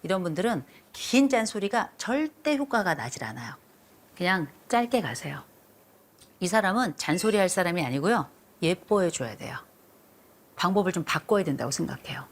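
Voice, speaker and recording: Scolding a couple on a televised counseling session, this middle-aged marriage counselor speaks at a normal speed in a lowish voice with big pitch swings. Music plays in the background.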